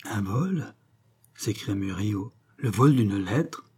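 Man doing a frightened old invalid, anxious, startled, husky, storybook reading. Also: lowish voice, lively intonation, slow, mellow, exaggerated voice. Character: frightened old male invalid with a wooden leg.

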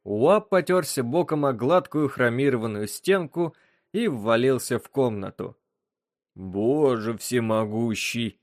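A man's voice: mid-range voice, measured pace, no echo. Man reading a story aloud, dry sound. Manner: even storytelling delivery, voicing characters. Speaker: narrator. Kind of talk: audiobook reading.

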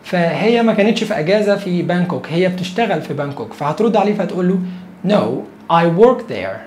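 A man with an Egyptian Arabic accent hosting a beginners' English lesson, chatty and explanatory, slowing right down to model English phrases. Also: high-pitched, darkish tone. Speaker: English teacher and host. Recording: echoey room with faint noise.

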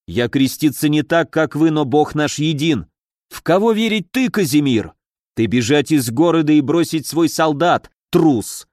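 A man doing a proud, blunt German mercenary captain from an audiobook, speaking broken Russian with a German accent. The words come flat and stubborn, in a dry close recording with no room sound. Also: fairly high pitch, unhurried, no echo. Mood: indignant.

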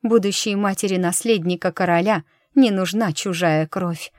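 A woman's voice: mid-range voice, normal speed, no room sound, studio quality, lightly acted. A woman voicing a proud, defiant queen in an audiobook, bitter in tone. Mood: cold.

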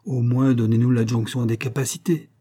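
A man's voice: mid-range voice, steady tone, a little fast, mellow, breathy edge, natural voice. A man reading the lines of a haughty provincial doctor with a curt, sarcastic delivery.

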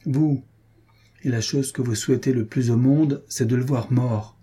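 A man's voice: medium pitch, steady tone, unhurried, mellow, husky. A man voicing a stern, menacing soldier-captain who speaks in clipped, bitten-off words. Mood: curt. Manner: clipped, chewing his words.

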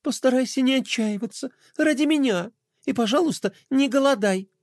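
A man voicing a kind, tearful young princess who speaks softly and caringly. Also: very high voice, normal speed, no room sound, studio quality, voice pushed up. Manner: soft, caring.

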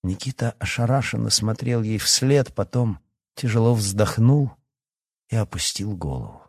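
A man narrating a fantasy audiobook in a steady, measured manner. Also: fairly low pitch, slightly rough, no echo, clean studio sound. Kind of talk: scripted narration.

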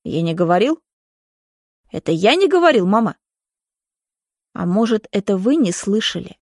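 A woman reading an audiobook, voicing a sick, bitter young man who speaks sarcastically and haltingly. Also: medium pitch, sing-song, a little mellow, no echo, studio quality. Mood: bitter sarcasm.

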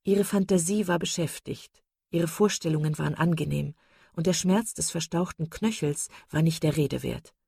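A woman narrating a classic novel in a measured, steady audiobook reading. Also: deep voice, vocal fry, breathy edge, no echo, clean studio sound. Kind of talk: scripted narration.

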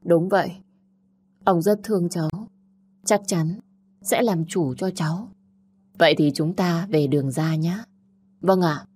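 A woman's voice: on the low side, unhurried, pauses often, darkish tone, husky. A woman narrator voicing a tearful, pleading seventeen-year-old girl. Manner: sobbing, pleading.

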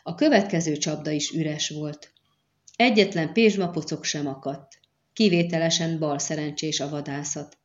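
Lady reading a fantasy audiobook, lowish voice, kinda dull lo-fi sound. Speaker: audiobook narrator. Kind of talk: scripted fantasy narration.

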